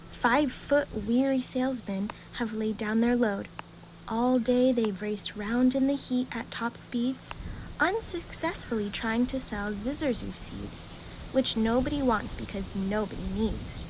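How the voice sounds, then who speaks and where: A woman reads a rhyming children's bedtime story aloud in a calm, gentle, expressive storytelling way. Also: fairly high pitch, a little slow, slight background noise, low-quality recording.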